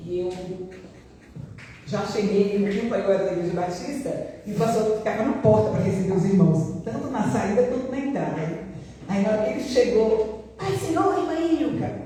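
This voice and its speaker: A woman's voice: mid-range voice, brisk, warm tone, a little hiss or hum. A middle-aged woman giving an emotional testimony in a church, acting out the voices in her story. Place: church hall. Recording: echoey church hall, distant mic.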